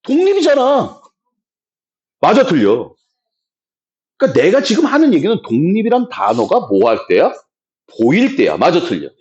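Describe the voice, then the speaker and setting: A man teaching math to students, speaking bluntly and roughly, swinging between loud emphasis and low muttered asides. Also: huge pitch swings, moderate pace, pauses often, highs cut off. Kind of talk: classroom lecture.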